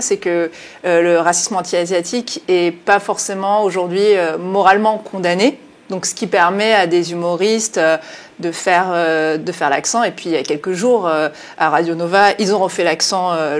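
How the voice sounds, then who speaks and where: Earnest and frequently halting, this journalist and author speaks as a studio interview guest in a fairly low voice, filling pauses and starting her sentences over often.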